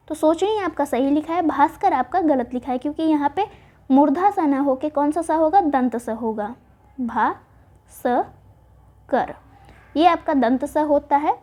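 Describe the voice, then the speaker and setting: A woman teaching Hindi spelling for exam prep, spelling words out slowly and answering her own questions. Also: high-pitched, a little mellow. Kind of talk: online exam-prep lesson.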